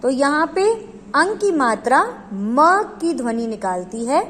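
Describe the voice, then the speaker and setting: Slow, high-voiced woman teaching Hindi. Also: very animated, a bit bright, big-room sound, a little hiss or hum, poor audio. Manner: asks the listener questions, then answers them. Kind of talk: slow explanatory lesson.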